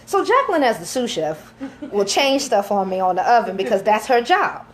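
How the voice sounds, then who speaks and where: A woman's voice: a little high, sing-song, normal speed. A woman chef giving a live cooking demonstration in a kitchen, chatty and instructive, joking with her helpers, recorded on a phone camera. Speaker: chef and caterer. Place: home kitchen, indoors.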